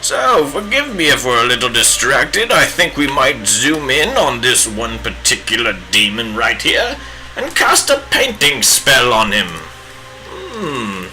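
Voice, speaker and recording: A man putting on a pompous old wizard, put-on British accent, slow, swooping pitch, music behind. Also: big pitch swings, rough recording. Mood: grandiose. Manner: hammy, drawn-out theatrical wizard speech. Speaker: streamer painting live.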